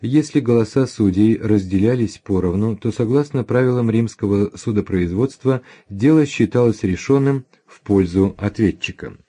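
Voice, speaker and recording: A man reading a history book aloud as scripted narration, announcing page numbers and footnotes in a measured, even way. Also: fairly low pitch, husky. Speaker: audiobook reader.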